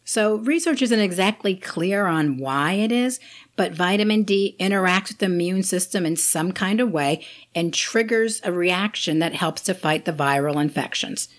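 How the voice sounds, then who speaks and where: Woman doctor explaining home care, lowish voice. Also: normal speed. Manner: explanatory, lightly joking. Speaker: physician host. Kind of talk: health advice talk to camera.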